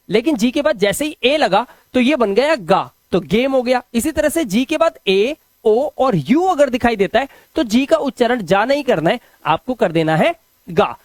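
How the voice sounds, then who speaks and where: A man's voice: very high voice, dry recording. A man teaching English pronunciation rules in Hindi, patiently spelling out words letter by letter.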